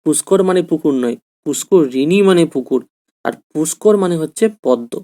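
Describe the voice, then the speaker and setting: A man's voice: fairly high pitch, lively intonation, normal speed, dark tone. A man teaching an exam-prep grammar lesson, patient and repetitive, talking straight to his students and checking they follow. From West Bengal, India.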